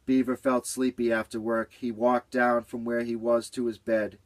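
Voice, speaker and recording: A man reading a children's story aloud in a gentle, rhythmic way with lots of repetition. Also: mid-range voice, little pitch movement, normal speed, no room sound.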